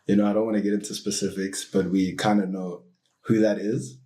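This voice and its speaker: A man in his early twenties, a student on a panel, speaking carefully with pauses. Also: fairly low pitch, little pitch movement, dark tone. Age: 20s. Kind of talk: casual panel discussion.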